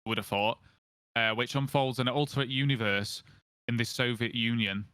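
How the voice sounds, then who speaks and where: Smooth, bright-voiced man asking questions. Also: mid-range voice, fairly even intonation, normal speed, dry recording. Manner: asks the panel questions. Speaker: podcast host. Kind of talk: casual chat.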